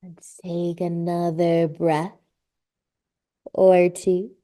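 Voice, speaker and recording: A woman teaching a live yoga class, giving slow, soothing cues and drawn-out breath prompts. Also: lowish voice, little pitch movement, mellow. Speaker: yoga instructor. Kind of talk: guided yoga class instruction.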